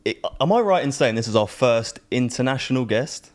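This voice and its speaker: A man co-hosting a podcast, playful and quick to laugh. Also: medium pitch, lively intonation. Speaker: podcast co-host. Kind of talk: casual podcast chat.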